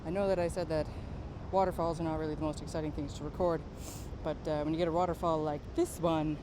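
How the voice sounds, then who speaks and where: High-voiced man over clear background noise. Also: little pitch movement, fast. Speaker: vlogger and field sound recordist. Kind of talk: casual travel narration. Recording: noisy outdoor field recording.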